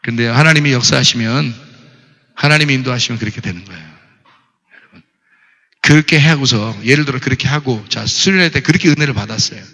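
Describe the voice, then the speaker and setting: Man, pastor, sermon, bright forceful voice, lively storytelling, echoing church hall. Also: a little high, gravelly. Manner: animated storytelling, asks the audience questions.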